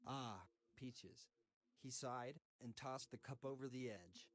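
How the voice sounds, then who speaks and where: A man's voice: mid-range voice, takes it slowly. Male robot text-to-speech voice reading. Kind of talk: machine reading of written story text.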